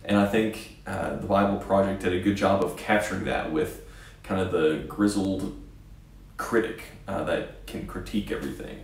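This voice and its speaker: Relaxed bearded church presenter, echoey. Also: male voice, deep voice, moderate pace, distant mic. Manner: relaxed, gesturing, fillers. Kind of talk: casual video talk. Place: small indoor room. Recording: echoey room from off-mic, faint music.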